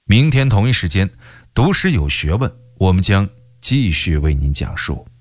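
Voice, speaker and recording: A male radio storyteller narrates a historical novel with a low voice that still rises and falls a lot. He takes his time over every phrase, and the studio sound is dry and close. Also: sing-song, no echo. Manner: slow, measured, deep-voiced storytelling.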